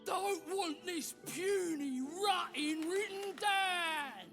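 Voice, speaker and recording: A woman's voice: very high voice, extremely slow, a bit bright, faint music behind, full character voice. An actress playing a scornful, melodramatic female brute monster in a video game, with a dramatic, wailing delivery.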